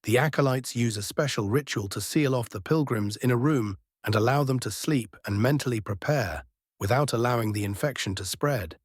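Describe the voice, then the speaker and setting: Guy narrating a fantasy story, normal pitch, no room echo. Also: moderate pace, slightly rough, clean studio sound.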